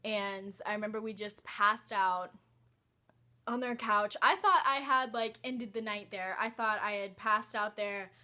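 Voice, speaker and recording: In a relaxed vlog, a young woman recounts something personal at a slightly slow pace, her medium-pitched voice pushed and bright. She stumbles along hesitantly, leaning heavily on "like" and "um."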